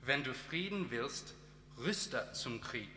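Australian man, English native speaker, slow careful German, bright voice, reverberant hall with faint noise. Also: mid-range voice, lively intonation. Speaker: guest speaker and teacher. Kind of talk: church testimony and short sermon.

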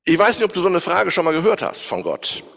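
A man's voice: sits high, huge pitch swings, quick pace, creaky, fairly bright tone, in a large hall. A man preaching a sermon, speaking straight to his listeners and asking them searching questions. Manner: addresses listeners directly, posing searching questions.

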